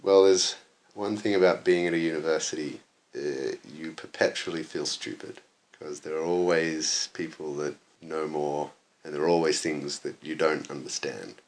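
A man's voice: extremely low pitch, fairly even intonation, normal speed, slight background noise. A young man at university chatting casually about his studies, dry and self-deprecating, often chuckling. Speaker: interviewee, university maths student. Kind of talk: casual conversation.

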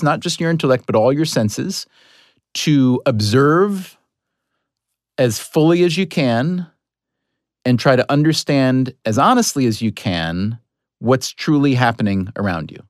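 A man talking casually as a guest author, mid-pitched and wandering through his thoughts with plenty of self-mocking asides. The sound is dry and close, with no room echo. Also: clean tone. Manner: rambling, self-deprecating, laughs at himself. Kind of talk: casual podcast conversation.

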